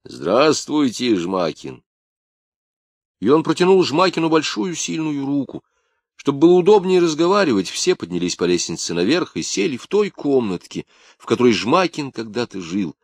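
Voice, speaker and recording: Deep-voiced male audiobook narrator. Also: vocal fry, no echo. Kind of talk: scripted narration.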